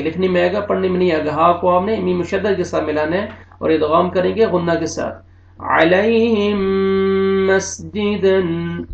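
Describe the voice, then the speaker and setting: This recorded online recitation lesson features a male Quran teacher with an Urdu-speaking accent and a high-pitched voice with vocal fry. He spells out letters and vowels, slowly draws out each joined word, and offers quick, matter-of-fact rule explanations between readings, all captured in a dull, roomy home recording.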